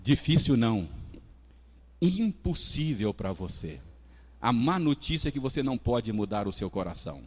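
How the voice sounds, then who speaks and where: In a church hall with long reverb, a husky-voiced pastor with a Brazilian Portuguese accent delivers a Sunday school sermon at normal speed and mid-range pitch. His preaching is lively and conversational, full of asides to the congregation and acted-out quotes as he chats between points.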